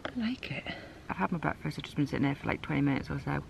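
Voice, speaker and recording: A woman in her thirties talking to a handheld camera from inside her car and out on a windy coast, chatty and excitable about the weather. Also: sits low, very fast, vocal fry. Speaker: travel vlogger. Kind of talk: casual vlog narration. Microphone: phone or camera held at arm's length.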